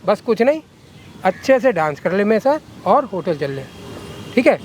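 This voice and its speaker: A man's voice: sits high, sing-song, moderate pace, slight background noise. A man playing a corrupt, coercive lawyer who talks down to a girl in a coaxing, threatening way. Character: corrupt scheming male lawyer, menacing and coercive. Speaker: villain in a short film.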